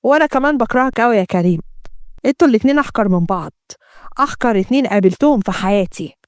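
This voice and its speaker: A woman plays an earnest, proud young husband with an Egyptian accent, talking quickly and intensely. The sound is close and dry, like an audio story. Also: on the high side, animated, no room sound, lightly acted. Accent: Egyptian Arabic. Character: young husband, once blind, proud and hurt.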